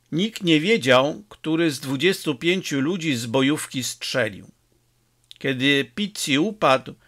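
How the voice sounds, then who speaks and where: Guy narrating an audiobook, slow and lively in pitch, higher voice. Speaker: audiobook reader.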